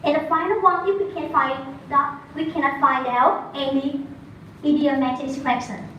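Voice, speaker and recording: A woman with a Vietnamese accent presents at an academic conference, explaining earnestly and often correcting herself mid-word. Her voice sits high with fairly even intonation, a normal pace and a sharp tone. The recording is from far off in an echoey conference hall, with faint ambience, a little hiss or hum, and the highs cut off.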